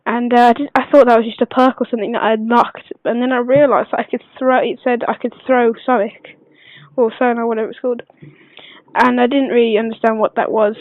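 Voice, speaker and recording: A woman who is unwell gives a casual gameplay tutorial voice-over, speaking quietly but clearly in a hesitant, rambling way. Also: a little high, dry recording. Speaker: gaming video maker. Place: voice-over recorded at a computer. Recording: dull lo-fi computer recording, dry.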